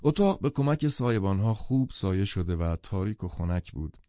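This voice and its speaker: A man narrating an audiobook in a measured, even reading. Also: sits low, no echo, lo-fi sound. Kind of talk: scripted literary narration.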